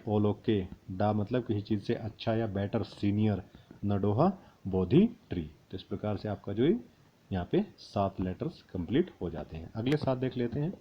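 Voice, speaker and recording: Man slowly spelling out syllables. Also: on the low side, highs cut off. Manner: spells syllables out slowly, then repeats the word. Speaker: language teacher. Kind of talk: spoken grammar lesson.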